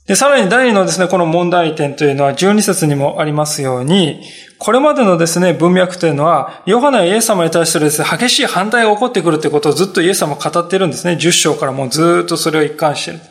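A man's voice: on the high side, expressive, fast. A man preaching a Sunday sermon as pastor, earnest, with emphatic asides and quoted voices. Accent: Japanese.

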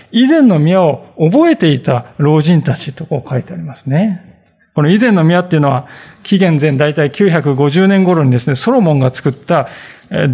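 A man's voice: fairly high pitch, darkish tone, husky. A male pastor giving a conversational sermon, reading scripture and explaining it with frequent fillers and asides.

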